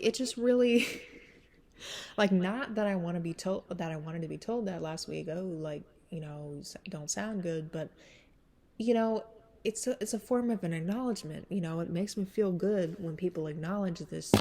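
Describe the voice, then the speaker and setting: At a normal pace and with a slightly mellow quality, a young woman whose nose is blocked by sinus trouble talks casually ahead of performing a cover. Her introduction wanders, packed with fillers, and her pitch swings upward when she's emphatic.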